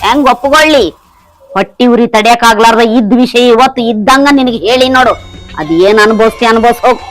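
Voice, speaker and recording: A woman's voice: on the high side, fast talker, faint music behind, natural voice, rough recording. An actress playing a scornful, rich village stepmother-in-law, speaking with a North Karnataka accent. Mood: bitter. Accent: North Karnataka Kannada. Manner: taunting, contemptuous. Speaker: actor.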